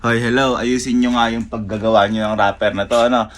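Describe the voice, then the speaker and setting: A man's voice: mid-range voice, steady tone, a little fast, a bit bright. A young man chatting casually in a couple vlog, laughing a lot and teasing while playing innocent. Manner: laughing, teasing and playfully defensive. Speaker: vlogger.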